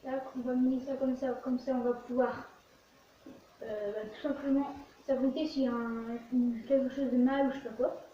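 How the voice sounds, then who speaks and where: A woman's voice: high-pitched, fairly even intonation, moderate pace. A woman giving casual let's play commentary as host of a gaming video, narrating what they do in short fragments. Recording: very echoey, distant, muffled, faint noise.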